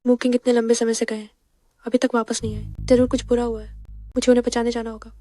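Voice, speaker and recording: A woman's voice: a little high, little pitch movement, fast talker, dark tone, no echo, natural voice. A woman voicing a worried, devoted young wife. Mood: anxious. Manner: anxious, pleading. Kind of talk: Hindi dub of a drama.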